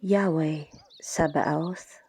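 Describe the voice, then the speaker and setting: A woman whispers slowly through an ASMR guided prayer and scripture reading, hushed, breathy, unhurried and deliberate. Her voice is low and steady. Ocean water ambience plays, with slight background noise.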